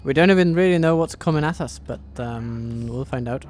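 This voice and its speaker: A man hosts his show while playing a strategy game, thinking out loud and poking fun at himself as he chats casually through the gameplay. His medium-pitched voice is brisk and slightly mellow, with soft music playing in the background.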